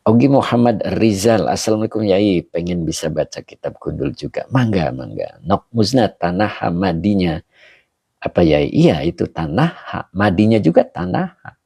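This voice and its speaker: A man's voice: low-pitched, big pitch swings, normal speed, gravelly, dark tone, husky, no room sound, clean studio sound. A man teaching as an Islamic scholar on a live stream, chatting and greeting viewers by name between grammar explanations. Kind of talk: live-streamed kitab study, reading comments aloud. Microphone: handheld camera he holds himself.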